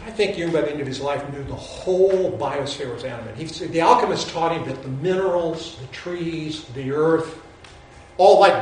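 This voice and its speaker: Male lecturer, fairly high voice, rambling and musing, distant mic, faint room noise behind. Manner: digressive, musing, with restarts. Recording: very echoey hall, from far off.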